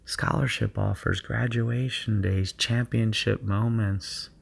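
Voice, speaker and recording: A man coaching student athletes through a guided visualization recording, speaking in a slow, soothing, hypnotic cadence full of repetition. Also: fairly low pitch, fairly even intonation, gravelly, husky. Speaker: sports performance coach.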